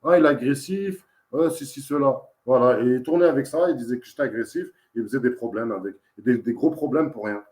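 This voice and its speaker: A father in a dispute with social services gives a casual, emphatic interview, telling his story repetitively and insistently. His mid-range voice is a little mellow, and he talks fairly quickly with hardly any pauses. The recording is reverberant.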